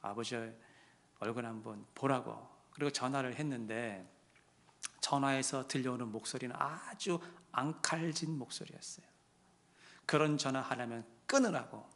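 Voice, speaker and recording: A male pastor telling a story in his sermon, dropping to a hush and then rising loud and impassioned. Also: mid-range voice, normal speed. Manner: swings from hushed to loud and impassioned.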